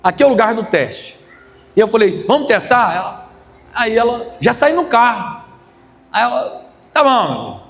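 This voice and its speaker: High-voiced preacher in a reverberant church. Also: male voice, sing-song, moderate pace, long pauses, fairly bright tone. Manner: storytelling preacher, asks the crowd for amens. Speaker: pastor. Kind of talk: sermon. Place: church hall. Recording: long hall reverb, faint ambience. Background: congregation responses.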